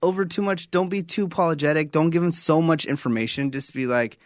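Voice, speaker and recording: A man's voice: fairly high pitch, fairly quick, dry recording, clean studio sound. Laid-back man radio co-host. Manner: relaxed, explains step by step. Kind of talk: casual chat.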